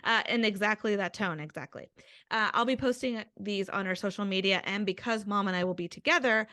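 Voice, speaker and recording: A woman's voice: mid-range voice, brisk, pushed and bright, no room sound, studio quality. A young adult woman co-hosting a podcast with her mother, chatting casually and laughing often over a video call. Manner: giggly, chatty. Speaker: podcast co-host. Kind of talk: casual chat.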